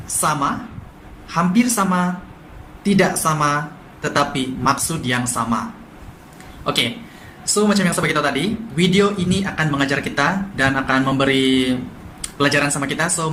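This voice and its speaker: A man from Sabah with a Sabah Malay accent and a fairly high-pitched voice explains differences between languages in a quick, lively vlog, sprinkling in English words. The room is echoey, with faint noise.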